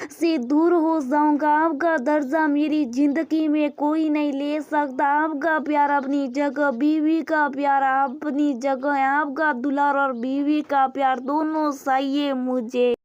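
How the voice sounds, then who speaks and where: A woman voicing a young married son who pleads earnestly and slowly with his mother, for a storybook. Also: sits high, little pitch movement, a little mellow, no room sound, muffled recording. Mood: pleading.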